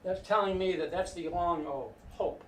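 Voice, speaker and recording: The echoey room, distant microphone and faint noise frame an older man's high, fairly bright voice at normal speed. He's teaching a class on pronunciation, going step by step and regularly asking "right?"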